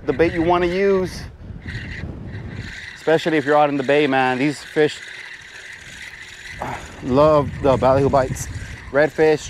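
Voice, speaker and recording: A man narrating a casual fishing vlog from a small boat, whooping and chatting to his viewers. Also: fairly high pitch. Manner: excited hollering when fish bite. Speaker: fishing vlogger. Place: small boat out on open bay water. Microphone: action camera worn on the body. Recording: outdoor camera audio with wind noise. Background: wind and water.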